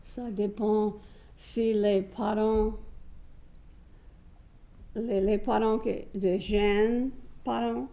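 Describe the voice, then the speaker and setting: Older female guest, Cajun French accent, creaky voice, unhurried and chatty. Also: mid-range voice, flat delivery, warm tone. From south Louisiana, United States. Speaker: guest, singer. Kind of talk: casual reminiscing.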